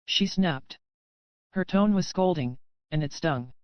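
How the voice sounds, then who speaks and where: A woman narrating a romance audiobook in the first person, with even, steady storytelling in a dry, slightly muffled recording. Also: sits low, takes it slowly, clear, resonant tone, no echo.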